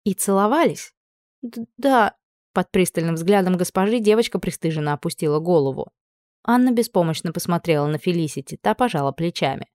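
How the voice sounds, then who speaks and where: A woman narrating a novel as an audiobook in a steady, even storytelling manner. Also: lowish voice, quick pace, no room sound, clean studio sound. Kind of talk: scripted narration.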